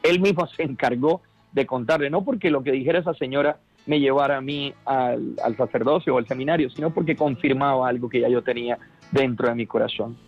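A man's voice: mid-range voice, a little fast, slightly rough, dull audio, faint music behind. A man with a Colombian accent, a priest giving a fervent, earnest personal testimony in a radio interview, often restarting his phrases.

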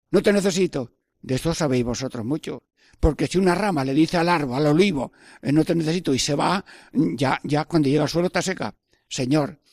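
Older priest, earnest sermon, slightly high voice, dry close sound. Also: male voice, darkish tone, no echo. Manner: earnest, repetitive preaching with prayerful asides. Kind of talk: Stations of the Cross sermon.

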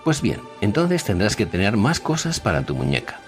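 A man's voice: lowish voice, moderate pace, over music. A man voicing a cold, persuasive, insistent grey salesman in a storybook reading. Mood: insistent selling. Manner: monotone, insistent.

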